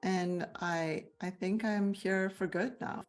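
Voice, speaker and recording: Faint music sits behind a woman from Malaysia who coaches CEOs, answering interview questions slowly at a medium pitch with fairly even intonation. Her reflective answers are earnest and thoughtful, marked by fillers and restarts.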